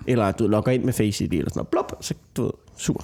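A man's voice: on the low side, gravelly. A man co-hosting a casual podcast chat, rambling through stories with constant tag questions and frequent laughter. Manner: rambling storyteller, lots of "ikke?" tags; laughs often, gets loud and excited. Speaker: podcast co-host.

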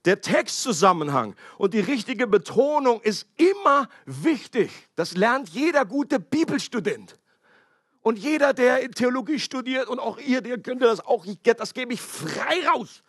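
A man's voice: extremely high pitch, big pitch swings, measured pace, husky, dry recording, clean studio sound. A man preaching a sermon in a conversational way, asking his listeners questions and making playful asides. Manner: conversational, asks the audience questions; playful asides with joking voices.

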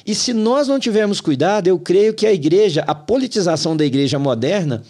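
A male pastor in conversation, telling anecdotes in a measured way and searching aloud for the right word. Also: sits high, expressive, a little mellow. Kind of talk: casual discussion with anecdotes.

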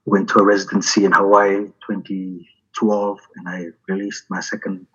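Man from Fiji, middle-aged, very low voice, bright and husky tone, halting with lots of ums, muffled lo-fi audio. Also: monotone. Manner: halting, with many fillers like uh and um. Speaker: poet, interview guest. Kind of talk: relaxed interview conversation.

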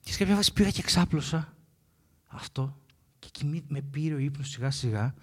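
A man co-hosting a casual podcast chat, telling an animated story and acting out the people in it. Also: fairly high pitch, husky. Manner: animated storyteller who acts out the people he quotes. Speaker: podcast co-host.

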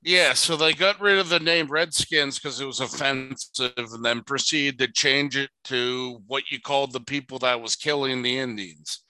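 A man's voice: medium pitch, steady tone, moderate pace, few pauses, sharp tone, no room sound, rough recording. A man co-hosting a podcast in casual chat, crude and joking, laughing often. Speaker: podcast co-host.

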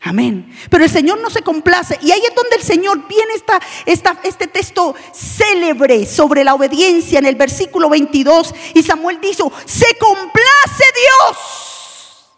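Impassioned high-voiced woman preacher. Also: lively intonation, moderate pace, hardly any pauses, faint music behind. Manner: impassioned, swings from shouting to low intense asides. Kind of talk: sermon. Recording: long reverb of a large hall.

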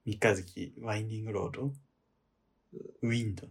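A man's voice: lowish voice, steady tone, a little fast, vocal fry, husky. Wry, teasing man with a lilt. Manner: wry, teasing, laughs often. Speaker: podcast co-host. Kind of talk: casual chat.

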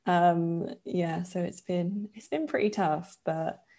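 She's a Polish woman in her twenties, a yoga teacher, talking slowly as a podcast guest in a relaxed interview chat. Low and gravelly with fry, her voice has a dark, mellow quality. Her speech is loose and chatty, sprinkled with fillers and frequent laughter.

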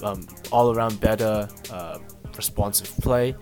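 A man hosting a podcast, giving a relaxed, slightly hesitant sponsor read. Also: on the low side, unhurried, loud music behind the voice. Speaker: podcast host reading a sponsor spot. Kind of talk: casual ad read.

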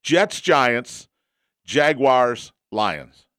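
A man's voice: medium pitch, sing-song, very slow, a bit bright, clear, resonant tone, dry recording, studio quality. A man hosting a solo sports radio show, delivering monologue and sponsor reads emphatically, repeating short phrases for punch. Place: radio studio.

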